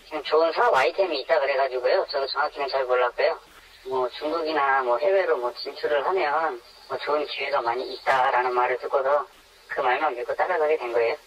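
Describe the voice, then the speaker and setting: A man's voice: mid-range voice, fast talker, slight background noise. Disguised male voice on a dull phone line. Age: 20s. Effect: electronically disguised voice for anonymity. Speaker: anonymous interviewee. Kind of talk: phone interview, recounting experience.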